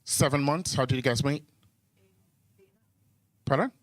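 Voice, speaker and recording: This Kenyan stand-up comedian speaks at a medium pitch and a slightly slow pace, with no room sound. Working a club stage microphone, he tells conversational stories and does crowd work, hesitating and repeating words along the way.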